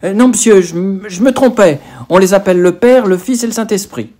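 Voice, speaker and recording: A man's voice: high-pitched, a little fast, mellow, voice pushed up. A man putting on a flustered rustic schoolboy. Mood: eager, flustered. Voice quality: rustic, hesitant with fillers. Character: naive country boy catechism pupils, rustic speech.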